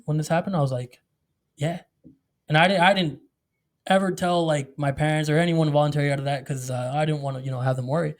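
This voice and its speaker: A man talking as a podcast guest, telling his story in a candid, casual way with many fillers and restarts. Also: medium pitch. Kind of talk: candid conversational interview.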